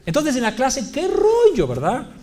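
A man's voice: very high voice, measured pace, very noisy. A man preaching to a congregation, telling a funny personal story with lots of laughter. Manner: animated, joking, often laughing at himself. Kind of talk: humorous sermon storytelling.

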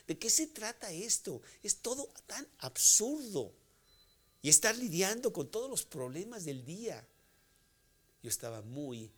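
A male preacher with a Mexican accent delivers a sermon in a somewhat high voice. He swings between loud, pressing phrases and hushed, whispered endings.

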